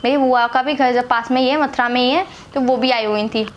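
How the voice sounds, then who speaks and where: A woman's voice: high-pitched, fairly even intonation, a little fast, highs cut off. A young woman from Agra, India, telling a personal story to camera in a chatty way, repeating herself and using many fillers. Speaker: vlogger telling her marriage story.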